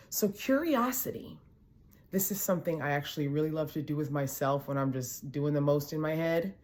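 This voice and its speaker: A lively woman life coach talks straight to her viewers in a casual vlog, her pitch swinging up and down as she goes. She is chatty and playful, often laughing at her own quirks. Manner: animated, chatty, addresses viewers as "y'all".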